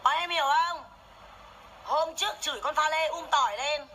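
Furious high-voiced woman ranting. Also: normal speed, background noise. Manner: foul-mouthed, furious, scolding. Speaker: livestreamer. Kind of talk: angry livestream rant. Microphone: phone camera during makeup livestream.

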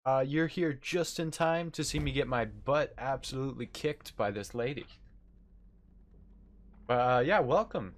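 A man's voice: mid-range voice, animated, measured pace. A young American man chatting casually as he plays a game, replying to his viewers. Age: young adult. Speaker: game streamer. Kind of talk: casual chat while playing, replying to viewers. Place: indoor room at a desk. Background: faint game music.

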